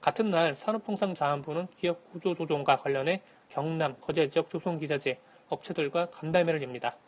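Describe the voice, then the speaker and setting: A man calling in to a radio show as a correspondent, giving a formal, scripted economic briefing in a measured manner. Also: on the high side, lo-fi sound. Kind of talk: scripted news briefing, answering by phone. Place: phone link to a radio programme.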